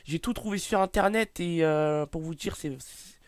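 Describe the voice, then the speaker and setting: A man's voice: a little high, normal speed, clean tone, dry recording. Hesitant young man reading celebrity facts. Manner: hesitant, many fillers and restarts, apologetic. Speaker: YouTuber presenting a celebrity biography. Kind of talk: casual read-aloud commentary. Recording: faint background noise.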